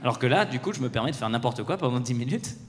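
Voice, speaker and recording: A man doing casual stand-up, chatting and swearing with a live audience and slipping into quick impressions. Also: medium pitch, expressive, noisy background. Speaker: stand-up comedian. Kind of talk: live stand-up crowd work. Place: theatre stage. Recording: roomy hall sound, faint crowd ambience.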